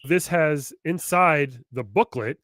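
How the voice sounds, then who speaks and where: A man co-hosting a casual podcast, laughing a lot, swearing casually and throwing in quick asides while reading old magazine letters. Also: a little high, a bit bright, dry recording, studio quality. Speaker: podcast co-host.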